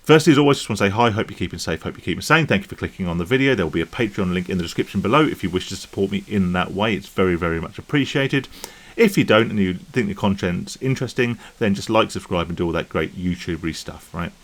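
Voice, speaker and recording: Rambling man, low voice. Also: animated, fast, a bit bright. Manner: rambling, conversational, checks in with "right?" and "okay?". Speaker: YouTube vlogger on gambling recovery. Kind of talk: casual monologue to camera.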